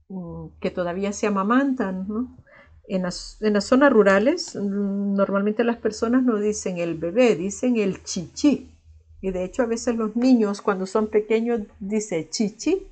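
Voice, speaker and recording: Mellow-voiced Salvadoran woman teacher. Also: mid-range voice. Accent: Salvadoran Spanish. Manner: explanatory, frequent "¿verdad?" tag questions and "eh" fillers. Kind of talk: recorded online class.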